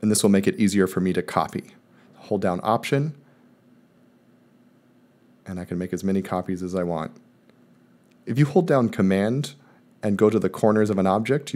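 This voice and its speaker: A man calmly walking viewers step by step through a screen-recorded software tutorial, in voice-over. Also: fairly low pitch. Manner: calm step-by-step explaining. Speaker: math teacher presenting a tutorial. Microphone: voice-over recorded over screen capture.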